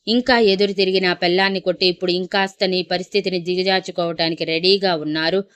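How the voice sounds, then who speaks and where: A woman's voice: fairly low pitch, level tone, quick pace, fairly bright tone, clear, resonant tone, dry recording, lightly acted. A woman voicing a harsh, domineering, hot-tempered young husband who talks in a commanding, scornful way. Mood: angry.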